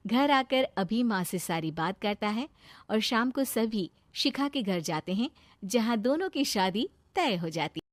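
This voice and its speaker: A woman narrating a cartoon family story in a calm, plain storytelling manner. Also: mid-range voice, unhurried, no echo, studio quality.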